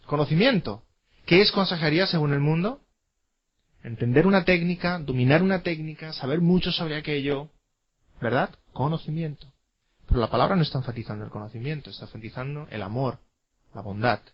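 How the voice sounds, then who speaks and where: A man's voice: on the high side, fairly quick, lo-fi sound. A man teaching a classroom lecture, emphatic, repeating key words and asking rhetorical questions.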